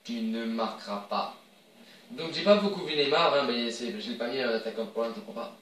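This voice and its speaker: A man's voice: medium pitch, fast, echoey room, recorded from a distance, a little hiss or hum, low-quality recording. Chatty man commenting his own gameplay. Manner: chatty, excitable, cheers on his players. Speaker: video game player.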